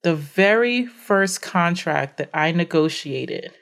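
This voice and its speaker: A woman with a lowish voice recounts her business wins with emphatic, rhythmic repetition. She builds her points in short punchy sentences and acts out her own surprised reactions. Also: animated, slow. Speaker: podcast guest, business owner. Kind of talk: animated storytelling in conversation.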